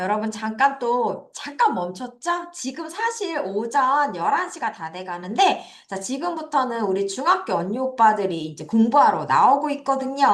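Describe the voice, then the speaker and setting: Lively Korean-speaking woman teaching kids. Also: on the high side, reverberant. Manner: explains step by step with quiz questions to students. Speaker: English teacher. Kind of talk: recorded online lesson for children. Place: classroom at an academy.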